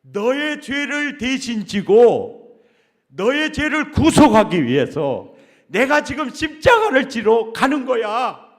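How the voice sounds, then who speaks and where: A man's voice: very high-pitched, big pitch swings, slow pace, pitched above the performer's own voice, full character voice. A man voicing a grave male teacher who speaks earnestly and directly to his disciple.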